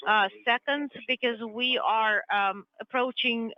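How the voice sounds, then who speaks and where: A very high-pitched man speaks through a space radio communicator, the sound muffled and thin like a distant downlink. His phrasing is clipped and factual, plain radio procedure relayed from afar. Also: fairly even intonation, slow, dry recording. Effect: sci-fi style space radio communicator voice. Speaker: interpreter for mission control.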